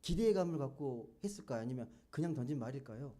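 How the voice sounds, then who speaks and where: Man preaching, lively questioning sermon. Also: mid-range voice, quick pace. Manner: conversational, asks the congregation many questions. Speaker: pastor. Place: church sanctuary.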